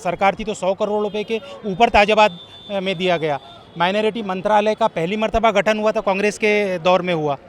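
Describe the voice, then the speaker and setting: Man, rather high voice, outdoors, emphatic, speech-like, accusing questions. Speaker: local supporter interviewed on the street. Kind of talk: street interview, political speech.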